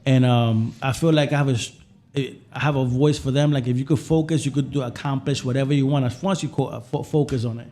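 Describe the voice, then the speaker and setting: This Puerto Rican man, a guest chef on a podcast, recounts personal stories casually and tends to repeat his phrases. His voice is mid-range, warm and steady, and he talks a little fast.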